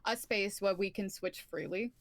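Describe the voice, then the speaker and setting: A woman's voice: medium pitch, moderate pace, no room sound. A woman chatting casually as a guest, explaining at length and swearing now and then. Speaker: guest on a stream. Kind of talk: casual chat.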